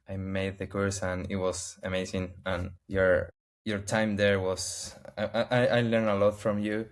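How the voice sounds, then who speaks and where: An Argentine man, a native Spanish speaker with an Argentine Spanish accent, answers interview questions over a video call as a guest. His English is halting, with restarts and searches for words, while his voice is fairly low and smooth.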